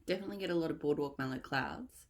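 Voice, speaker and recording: A woman's voice: low voice, rapid-fire. A woman vlogger chatting casually and rambling a little as she reviews products, thinking aloud as she goes. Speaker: vlogger reviewing wax melts. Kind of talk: casual haul review chat.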